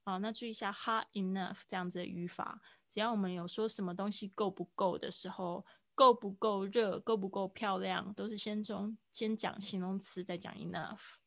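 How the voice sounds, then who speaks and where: A woman patiently explains English phrases to students in a live online class. Her voice has a gravelly edge, and the sound is dry and close, with no room behind it. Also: mid-range voice, fairly even intonation, normal speed, few pauses, no room sound. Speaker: English teacher.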